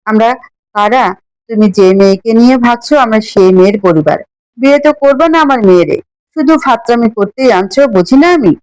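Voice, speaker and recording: A woman's voice: a little high, moderate pace, darkish tone, no echo, natural voice, rough recording. A woman voicing an angry middle-aged father who harshly scolds his daughter.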